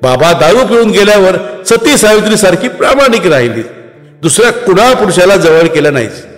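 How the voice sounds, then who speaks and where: A man's voice: high-pitched, sing-song, normal speed, pitched above the performer's own voice. A male storyteller voicing a defiant, ambitious young actress of about twenty, brash and self-assured. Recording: long reverb, faint music.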